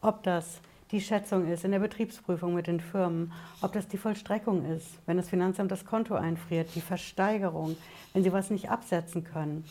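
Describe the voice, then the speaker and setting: A woman's voice: on the low side, steady tone, normal speed, dark tone. A woman, a tax lawyer, explaining things to her viewers in an emphatic way and raising rhetorical questions. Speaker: tax lawyer, channel host. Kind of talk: explanatory talk to camera.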